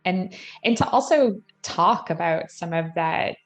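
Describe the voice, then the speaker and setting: A woman's voice: on the low side, animated, unhurried, faint music behind. A woman guest in a podcast interview, speaking reflectively and often affirming the host. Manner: reflective, frequent affirming backchannels. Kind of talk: casual conversational interview.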